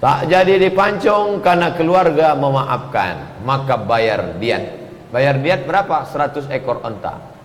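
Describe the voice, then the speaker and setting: A man's voice: medium pitch, a little slow, a little hiss or hum. A man preaching, reading questions aloud and answering them with jokes. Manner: animated, joking, reads questions aloud and answers. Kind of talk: sermon Q&A. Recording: echoey hall with faint ambience.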